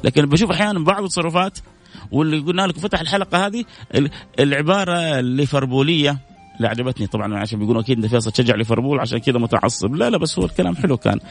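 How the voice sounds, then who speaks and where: Fast-talking Saudi man hosting advice talk. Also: fairly high pitch, vocal fry. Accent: Saudi Arabic. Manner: animated, preachy, mocking asides. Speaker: host. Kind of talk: religious advice talk show.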